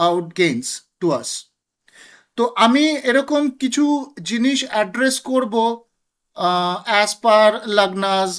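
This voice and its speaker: Slow-spoken woman teaching astrology. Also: mid-range voice. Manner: slow and deliberate, switching between two languages. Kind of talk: explanatory lecture.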